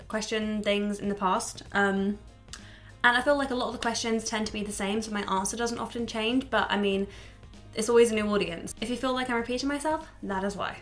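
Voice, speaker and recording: Sounding slightly congested from a cold, a YouTuber in her twenties talks casually to camera in a small room at home. She's candid and swears freely. Her voice is fairly high in pitch with a fairly bright tone.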